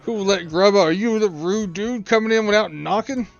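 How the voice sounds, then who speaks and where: A man voicing a loud, brash male wrestling promoter who blusters and shouts questions. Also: sits high, moderate pace, gravelly, muffled recording, faint music behind, pitched above the performer's own voice. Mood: blustering.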